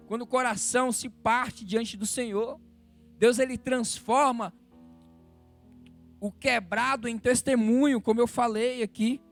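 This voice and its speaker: High-voiced Brazilian man preaching fervently. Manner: emotional, rises to fervent exhortation then drops low and intimate. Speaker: church worker preaching. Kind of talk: sermon. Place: church sanctuary.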